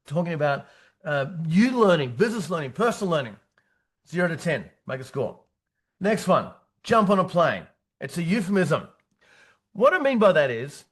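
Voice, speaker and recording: High-voiced punchy male business coach. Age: 50s. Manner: punchy, repetitive, tag questions like "right?". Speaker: business coach presenting his book. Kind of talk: motivational presentation to accountants.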